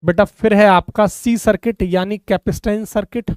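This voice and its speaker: A man's voice: sits high, steady tone, normal speed, darkish tone, smooth, no echo. A man teaching a physics class online, calling students "beta" and explaining step by step in a conversational way.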